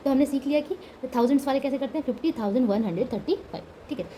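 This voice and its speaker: A woman's voice: sits high, very fast, mellow, slight background noise, poor audio. A woman teaching a lesson, explaining step by step, asking questions and repeating key words, with English number words mixed into her speech.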